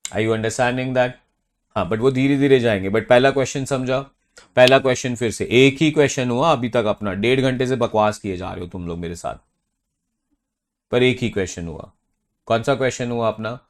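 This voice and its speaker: A man's voice: medium pitch, moderate pace. A man giving a classroom accounting lecture, stressing key terms and often checking that students follow. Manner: emphatic, mixing Hindi and English, checks understanding often.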